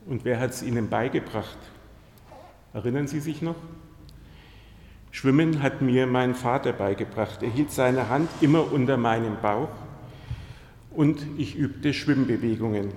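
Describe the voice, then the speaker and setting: A man's voice: medium pitch, unhurried, pauses often, a little mellow, slight background noise. A man giving a sermon, telling personal stories and turning to the congregation with direct questions. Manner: storytelling, addresses the congregation directly. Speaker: pastor. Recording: echoey church hall.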